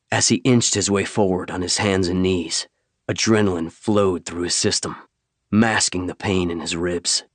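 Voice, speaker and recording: Low-voiced man narrating an audiobook. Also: no echo, studio quality. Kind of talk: scripted narration. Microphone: studio microphone.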